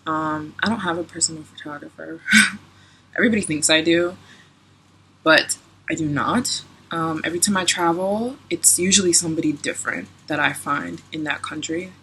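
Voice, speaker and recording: Bright, giggly young woman vlogger. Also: low voice, moderate pace, slight background noise. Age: 20s. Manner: chatty, giggly, lots of "like" and "um". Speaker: travel vlogger. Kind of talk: casual Q&A vlog.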